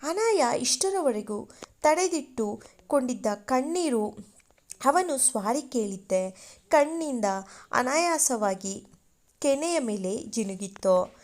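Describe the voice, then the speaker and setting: A woman narrating a romance story in a slow, expressive reading voice. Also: high-pitched.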